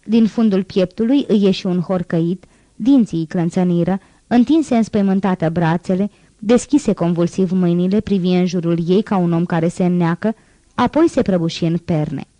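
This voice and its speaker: A woman narrating a classic novel as an audiobook, in a measured, dramatic reading. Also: on the low side, warm tone, dry recording. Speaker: audiobook reader.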